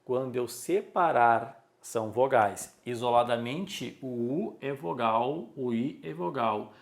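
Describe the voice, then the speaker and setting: A male teacher giving a recorded exam-prep lesson. He talks at an unhurried, measured pace in an ordinary mid-range voice. He drills each point by saying the key words again and again. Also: mid-range voice, vocal fry. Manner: slow, deliberate, repeats key words for emphasis.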